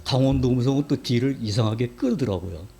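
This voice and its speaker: A man's voice: mid-range voice, animated, fairly quick, warm tone, a little hiss or hum. A man, a church elder, preaching a sermon in a conversational way and putting questions to the congregation. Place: church sanctuary.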